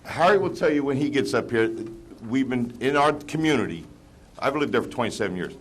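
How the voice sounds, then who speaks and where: A man's voice: mid-range voice, lively intonation, fairly quick. A man speaking as a resident at a town council meeting, frustrated and skeptical. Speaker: resident speaking at public comment. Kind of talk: public meeting comment.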